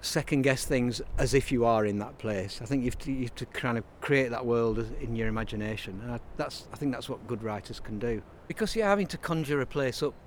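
A writer and songwriter from Burnley, Lancashire, England talks as a guest in a casual interview, rambling reflectively and often restarting his sentences. His mid-range voice is brisk with few pauses, over slight background noise.

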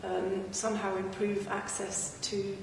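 A woman's voice: mid-range voice, unhurried, vocal fry. An English woman who is a guest on a podcast, talking about her charity work in a plain, agreeable way. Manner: plain, even-toned, agreeable. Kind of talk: casual chat interview. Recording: echoey room with noise, far from the mic.

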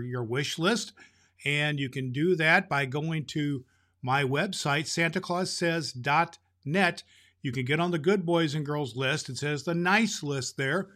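A man playing a jolly old Santa Claus who hosts a show and reads a Christmas story aloud, with booming ho-ho laughs. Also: fairly bright tone. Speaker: host. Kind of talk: storytelling podcast.

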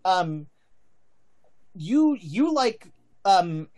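A man improvising narration as game master of a tabletop game, thinking aloud in halting phrases. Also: sits high, very animated, darkish tone.

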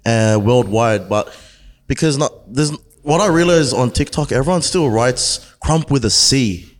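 Guy chatting casually on a podcast, animated, lots of bro and slang. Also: medium pitch, a little slow. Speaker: podcast guest, krump dancer. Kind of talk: casual chat.

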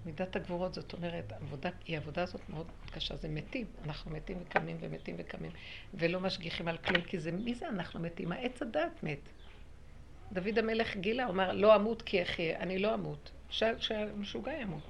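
Brief: woman spiritual teacher, lively and dramatic with a gravelly fry, faint hiss behind. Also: fairly low pitch. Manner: animated, acts out quotes, laughs often. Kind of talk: spiritual lesson to a small group.

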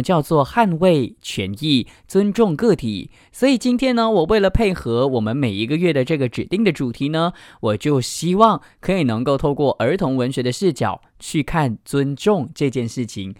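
A man hosting a children's literature show and reading a picture book aloud in a lively, expressive way. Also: mid-range voice, fairly quick, hardly any pauses, no echo, clean studio sound. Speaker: podcast host and storyteller. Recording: music bed under voice. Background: background music.

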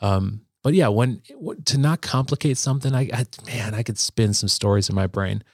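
A man in a casual faith conversation, speaking reflectively with frequent halting restarts. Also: mid-range voice, dry recording, clean studio sound.

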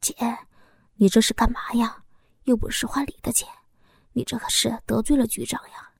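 Young male coworker, read by a woman: hushed, half-whispered, placating; light pitch, dry sound. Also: steady tone, normal speed, creaky, breathy edge, dry recording.

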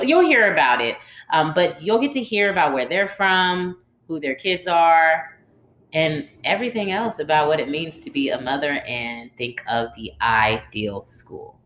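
A woman co-hosting a podcast chats with a low voice that swings widely in pitch. She talks in an animated way, quick to exclaim. The room around her rings with noticeable echo. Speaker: podcast co-host. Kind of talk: casual chat. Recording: roomy echo.

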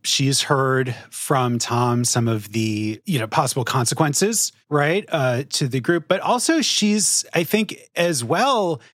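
A man's voice: mid-range voice, slow pace, few pauses, no room sound. Man, game master, casual tabletop narration, dry close sound. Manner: relaxed, casual, fillers while describing.

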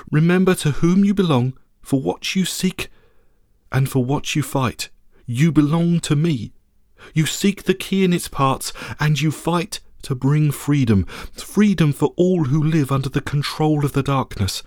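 A man's voice: a little high, unhurried, a little mellow, no echo, studio quality, voice pushed up, close to an everyday voice. A man reading a story aloud, voicing a regal woman who rules by light, speaking in a solemn, ceremonial way. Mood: commanding. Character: regal commanding woman, radiant ruler of light.

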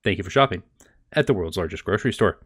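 A man's voice: sits low, animated, fast talker, a bit bright, breathy edge, no room sound, clean studio sound, voice pushed down, exaggerated voice. A man doing a store intercom announcer at closing time. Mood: announcing. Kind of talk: game master voicing an in-game announcement.

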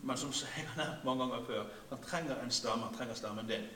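A man, preaching a sermon in a conversational way, with frequent hesitations and often sinking into a quiet, low voice. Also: echoey room, distant mic, a little hiss or hum. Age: 60s. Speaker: pastor.

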